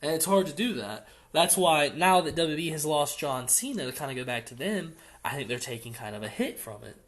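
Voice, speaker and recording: A young man chatting on a casual podcast, laying out opinions in long, rambling run-on sentences. His voice sits a little higher than most men's. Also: lively intonation, brisk. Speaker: podcast co-host.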